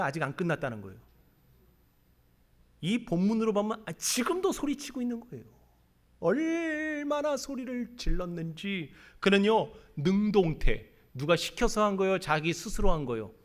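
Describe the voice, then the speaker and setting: Pastor guy preaching, high lively voice, keeps asking the church questions. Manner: dramatic storytelling with rhetorical questions. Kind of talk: sermon.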